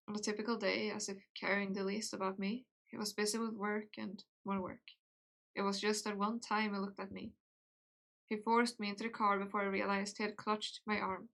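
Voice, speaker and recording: A young woman at an ordinary, mid-range pitch reads a game's story aloud on a live stream. Her reading is slow and hushed. She keeps stopping for giggly, offhand chatter. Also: vocal fry. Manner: slow, soft reading broken by giggly casual asides.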